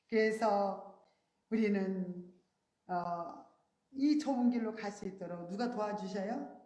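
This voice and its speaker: A woman preaching a sermon, telling a story earnestly and rising high on her emphasized words. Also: darkish tone, echoey room. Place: church sanctuary.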